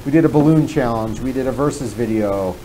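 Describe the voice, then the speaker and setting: A man co-hosting a casual livestream, upbeat and talking in quick bursts. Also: mid-range voice, dark tone, a little hiss or hum, poor audio. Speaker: livestream co-host.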